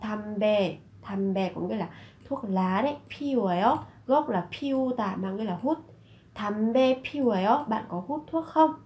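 A woman from Vietnam, teaching Korean phrases slowly and repeating each one before explaining it. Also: mid-range voice, lively intonation, dark tone, slight background noise. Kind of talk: slow explanatory lesson narration.

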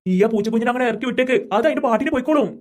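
A man voicing a gentle, easygoing cartoon father who reassures his children. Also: very high voice, rapid-fire, noisy background.

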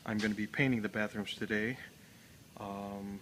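In an echoey, empty factory bathroom still under construction, a Chicago contractor walks through the remodel on a handheld phone camera, explaining matter-of-factly with many fillers. His voice is on the low side and fairly bright, with even intonation and a moderate pace, amid slight background noise.

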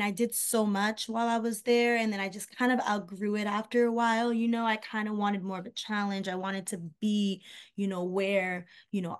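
Her voice is medium-pitched, clear, and resonant. She's a young woman from Haiti who makes records, chatting loosely in an interview over a webcam video call from indoors at home, sprinkling in lots of fillers and asides that trail off.

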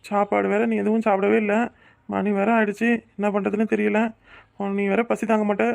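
A man's voice: high-pitched, completely flat delivery, brisk, creaky, darkish tone. A man voicing a young, poor husband in a cartoon, soothing and reassuring his wife. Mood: tender. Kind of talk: cartoon voice acting.

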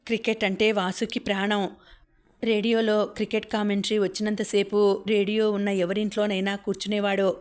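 A woman reading a story aloud as an audiobook narrator, in a steady, even storytelling manner. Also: mid-range voice, moderate pace. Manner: even, steady reading, voicing characters' lines within the story.

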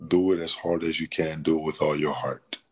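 A middle-aged painter and ex-basketball player from the DR Congo gives thoughtful interview answers, with many restarts, in a small plain indoor room. His very deep voice is flat and a little fast, and the highs are cut off.

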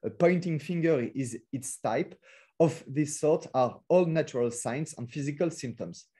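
Over a video call, a French-accented man delivers an academic webinar talk in a fairly high yet mellow, soft-edged and slightly rough voice. At a measured pace, he works through non-native phrasing with frequent fillers and restarts, keeping a steady, academic tone.

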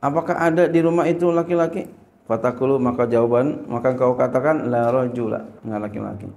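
A man's voice: medium pitch, fairly even intonation, fairly quick, vocal fry, a little mellow, reverberant. A male Islamic teacher teaching a religious lesson. He reads Arabic text, translates it and asks rhetorical questions.

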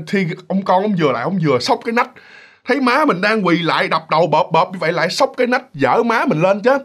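Man, southern vietnamese accent, high voice, casual animated ghost storytelling. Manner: animated, repetitive, addresses listeners directly.

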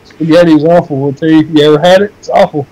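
A man's voice: a little high, fairly even intonation, fast talker, dark tone, rough recording. A man co-playing a let's play, firing off crude, goofy running gags at his friend. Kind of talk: casual gaming banter.

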